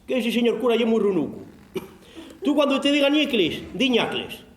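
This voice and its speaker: A shrewd village mother with an Asturian accent plots in a firm, knowing tone, put on by a man. The voice is lively and sits in an echoey room. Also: very high-pitched, normal speed, slight background noise. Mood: scheming.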